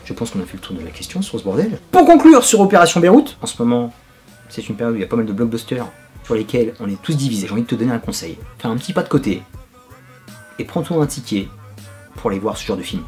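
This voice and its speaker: A man reviewing a film in casual, energetic slang, talking straight to his viewer as host of his channel. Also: on the low side, fast, soft background music.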